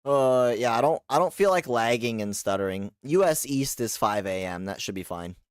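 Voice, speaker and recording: A man streaming a shooter game live, chatting casually and rambling with slang, with sudden loud outbursts of surprise. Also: mid-range voice, expressive, normal speed, clear, resonant tone, no room sound.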